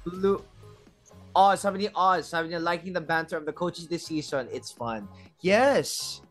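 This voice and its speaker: A Filipino co-host chatting playfully in a mix of Tagalog and English, now and then bursting into loud laughter. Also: medium pitch, a little slow, soft background music. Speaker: online show co-host. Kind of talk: lively chat mixing Tagalog and English.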